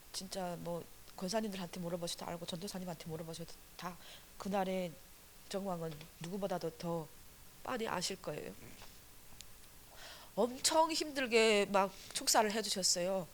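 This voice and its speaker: A woman evangelist giving an earnest, animated testimony at a church service, with many fillers. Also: mid-range voice, moderate pace, pauses often, slight background noise.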